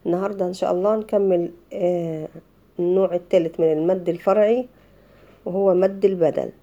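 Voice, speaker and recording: A woman's voice: fairly low pitch, fairly even intonation, fast talker, warm tone, dull audio. Woman, Egyptian accent, tajweed teacher, patient step-by-step explaining, frequent fillers. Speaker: Quran recitation teacher. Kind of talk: informal tajweed lesson.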